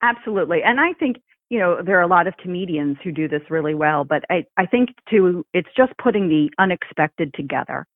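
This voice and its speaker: A woman co-hosting a podcast, chatting casually and telling animated stories with frequent laughs. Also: fairly low pitch, brisk, dry recording. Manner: animated storyteller who laughs often. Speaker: podcast co-host. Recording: thin phone-like sound, dry.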